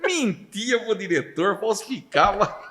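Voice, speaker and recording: A man with a Brazilian Portuguese accent hosting a podcast, teasing his guest and asking quick questions. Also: sits high, lively intonation, a bit bright. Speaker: podcast host. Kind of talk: casual interview.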